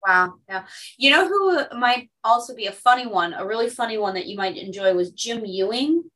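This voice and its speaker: A woman's voice: a little high, animated, moderate pace, bright, forceful tone, distant mic, rough recording. Brief: woman podcast host, storytelling, laughs a lot, slightly off-mic. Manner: chatty storyteller, laughs often. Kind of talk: casual conversational interview.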